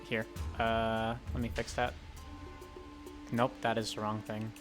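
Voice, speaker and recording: A man's voice: lowish voice, monotone, measured pace, music in the background. A playful man chatting and laughing as a streamer while they read a game together. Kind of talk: casual chat while reading a game together.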